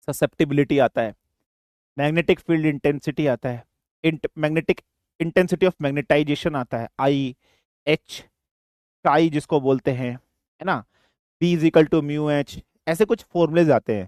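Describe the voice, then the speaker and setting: A man's voice: on the high side, no room sound. Older male physics teacher, dry voice. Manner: addresses students as beta, repeats questions, mixes Hindi and English. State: dry throat. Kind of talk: online class lecture.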